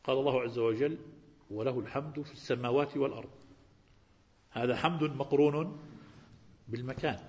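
In a reverberant hall, a religious teacher leads a Quran lesson, questioning his students and repeating key words. His mid-range voice is a little mellow and fairly quick, broken by long pauses. The sound is dull and lo-fi.

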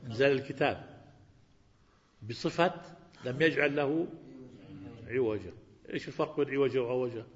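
A man's voice: mid-range voice, normal speed, pauses often. A man teaching a Quran lesson, asking his students questions and repeating key words. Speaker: religious teacher. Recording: reverberant hall, dull lo-fi sound.

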